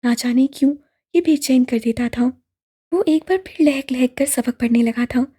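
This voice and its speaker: A woman narrating a novel audiobook in a slow, measured, somber way. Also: high-pitched, warm tone, slightly rough. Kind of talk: novel reading.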